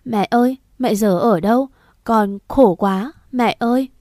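A woman's voice: a little slow, natural voice. A young girl begs in a raised, tearful voice, as a woman storyteller voices her. The sound is dry and close, with no room echo. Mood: sorrowful. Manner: tearful begging, higher and louder. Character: young girl, pleading and sobbing.

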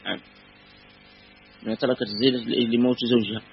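A man teaching a classical grammar lesson, measured and patient, repeating and spelling out word forms slowly. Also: mid-range voice, flat delivery. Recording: dull lo-fi recording with faint hum.

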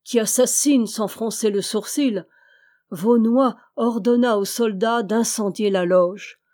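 A woman's voice: mid-range voice, darkish tone. Woman reading a classic novel aloud. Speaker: reader. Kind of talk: audiobook narration of a classic novel.

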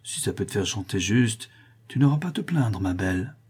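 A man's voice: lowish voice, expressive, moderate pace, darkish tone, slightly rough. A man reading aloud and voicing a cool, sarcastic young man of means. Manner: dry, sarcastic.

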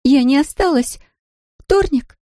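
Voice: high-pitched, mellow, dry recording, clean studio sound, voice pushed up. Tearful young girl with a Polish accent, as a narrator puts her on. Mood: distraught. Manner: halting, broken phrases. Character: tearful young foreign girl, frightened and fierce.

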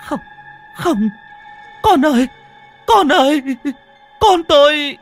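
A man voicing a desperate young mother in a ghost story, crying out to her dead child in a high, wailing voice. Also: expressive, slow, soft background music, full character voice. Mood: anguished. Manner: wailing, sobbing cries.

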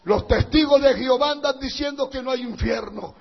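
A male pastor preaching a fiery sermon, swinging between shouting and hushed intensity. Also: very high voice, moderate pace, vocal fry. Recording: dull reverberant hall recording.

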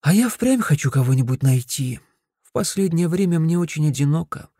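A man's voice: fairly high pitch, lively intonation, brisk, dark tone, slightly rough, no room sound, studio quality, pitched above the performer's own voice. A man voicing a brash, teasing older sister. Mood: lively.

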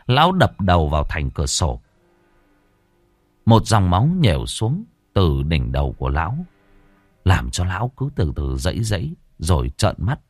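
A man's voice: sits low, dry recording, clean studio sound. A man narrating a dramatic audiobook story.

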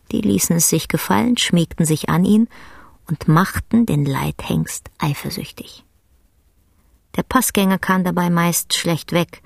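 A woman narrating a radio drama in a measured, dramatic storytelling manner. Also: low voice, vocal fry, no echo, studio quality. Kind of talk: scripted literary narration.

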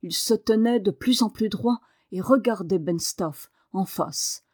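A woman narrates a novel aloud, expressive and measured. Her voice sits at a middle pitch for a woman. The recording is close and dry, with no room echo. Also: slightly rough. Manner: expressive reading. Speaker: audiobook narrator. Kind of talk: scripted narration.

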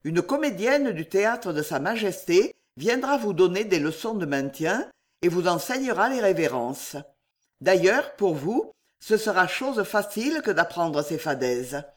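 A reader voicing a scheming, powerful male general in an audiobook, speaking in a measured, commanding way. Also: medium pitch, big pitch swings. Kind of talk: audiobook reading.

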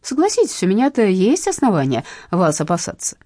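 A woman's voice: mid-range voice, huge pitch swings, a little fast, dark tone, no room sound, clean studio sound, pitched above the performer's own voice. A courtly old blackmailer, as a woman reader puts him on. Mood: smoothly menacing. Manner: ceremonious, politely menacing. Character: elderly courteous male blackmailer, smooth and sly. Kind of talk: audiobook narration.

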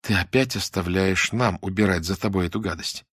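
A man's voice: low voice, fairly quick, breathy edge, no echo, clean studio sound. A man reading an audiobook, voicing a resentful young woman who cries out in anguish. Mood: bitter, shouting. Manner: anguished shouting.

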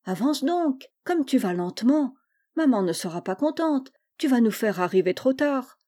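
A woman's voice: mid-range voice, animated, moderate pace, mellow, dry recording, studio quality, natural voice. A woman voicing a blunt, bossy young boy in a storybook reading. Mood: impatient. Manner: blunt, scolding. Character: bossy, teasing young boy, her brother.

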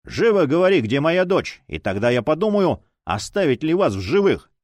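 A man's voice: mid-range voice, wildly swooping pitch, a little slow, no echo. A man voicing a desperate adult male detective who threatens and pleads in an audiobook. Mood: furious. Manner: fierce, pleading.

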